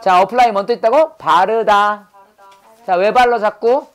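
A man's voice: high-pitched, unhurried, clean tone. A middle-aged male pastor teaching English vocabulary, asking quiz questions and having the class repeat words after him. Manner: drills words, asks quiz questions, corrects pronunciation. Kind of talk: classroom lesson with call-and-response drills.

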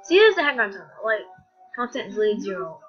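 A woman's voice: mid-range voice, lively intonation, fast, husky, soft background music. A young woman chatting casually in a rambling vlog, giggling often with a scattered, offhand manner. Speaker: vlogger. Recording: dull lo-fi sound.

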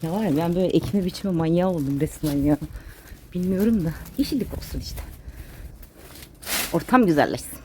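A woman's voice: fairly low pitch, animated, normal speed, pauses often, darkish tone, slight background noise. Chatty woman vlogging her chores. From Turkey. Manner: chatty, talks to pets and plants. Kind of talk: casual chat while doing chores. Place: home and garden.

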